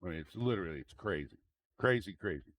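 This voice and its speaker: A man giving a casual, unscripted tech demonstration, rambling and repeating himself, with a gravelly voice. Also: sits low, animated, fast talker. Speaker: tech video host. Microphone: microphone into computer audio mixer. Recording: very noisy microphone with fan noise. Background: fan running.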